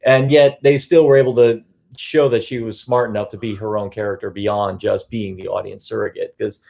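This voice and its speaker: Male co-host, gravelly, rambling film talk with frequent restarts. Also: fairly low pitch, normal speed. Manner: rambling, restarts sentences, animated. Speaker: podcast co-host. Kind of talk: casual film discussion.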